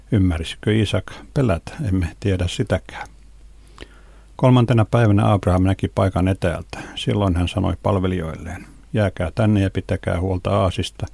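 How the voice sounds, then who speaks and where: A man giving a calm, measured devotional reading of scripture and teaching on it. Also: low voice, creaky, dry recording. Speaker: Bible teacher.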